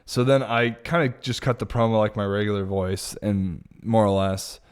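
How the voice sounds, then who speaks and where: A man from the Bay Area with a Californian accent, chatting as a podcast guest in a relaxed, drawling surfer-like way. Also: fairly low pitch, normal speed, clean tone. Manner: laid-back, drawling surfer-like delivery. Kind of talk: casual podcast chat.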